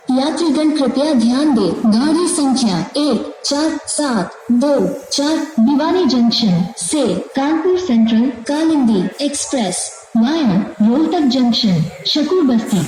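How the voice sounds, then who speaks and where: Indian woman, station loudspeaker announcer, high, mellow, formal measured delivery, booming hall echo. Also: animated, faint music behind. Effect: railway station loudspeaker announcement. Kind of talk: recorded public announcement. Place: railway station platform.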